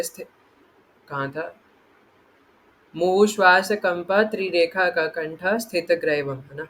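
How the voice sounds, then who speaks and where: A man with a high, light voice teaching scripture in an animated way. He keeps checking in with his listeners and acts out the lines he quotes. He laughs easily while he explains. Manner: animated, acts out quotes, frequent tag questions. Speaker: spiritual teacher. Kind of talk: scripture discourse.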